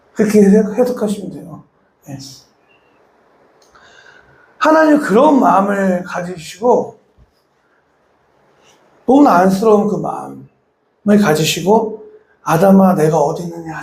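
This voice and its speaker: High-voiced male pastor preaching. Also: vocal fry, darkish tone, reverberant. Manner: asks the congregation rhetorical questions, acts out quoted voices. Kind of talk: sermon.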